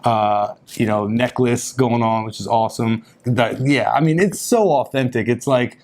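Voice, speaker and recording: A man's voice: medium pitch, normal speed, a little mellow. Upbeat chatty male podcast host. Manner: chatty, upbeat, lots of fillers and laughs. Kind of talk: casual podcast chat.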